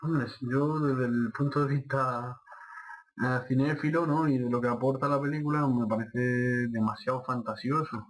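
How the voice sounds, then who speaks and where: A man with a medium-pitched voice speaks as a guest on a casual radio show. He explains his views in a plain, unhurried way, with a few short fillers along the way. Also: steady tone, slight background noise, rough recording. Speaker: radio guest, film commentator.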